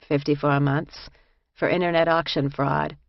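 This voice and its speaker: A woman's voice: sits low, flat delivery, unhurried, vocal fry, no room sound, highs cut off. A woman voicing a friendly young female inmate who chats casually and reassures a newcomer. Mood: chatty.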